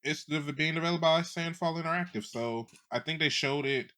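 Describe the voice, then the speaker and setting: A man's voice: a little high, normal speed, pushed and bright. A man co-hosting a podcast in easygoing, joking casual chat about video games. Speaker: podcast co-host.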